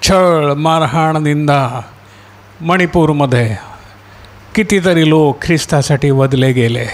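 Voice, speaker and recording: A male pastor preaching a sermon, questioning his listeners and echoing the reader's words, climbing high and fervent as he voices the martyrs' plea. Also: slow pace. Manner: rising to a high, impassioned pitch when voicing the martyrs' cry; asks the congregation questions and echoes the reader.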